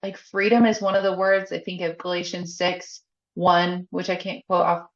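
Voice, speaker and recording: A woman's voice: lowish voice, flat delivery, normal speed. Chatty woman in an echoey room. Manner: chatty, candid, laughs often, leans on "like". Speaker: podcast guest, faith coach. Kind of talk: casual conversational interview. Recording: echoey, slightly dull podcast audio.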